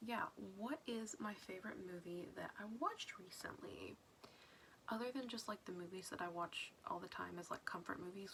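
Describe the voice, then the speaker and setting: Woman vlogger, casual rambling diary chat, whispery asides, gravelly fry. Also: on the low side, a bit bright, slight background noise.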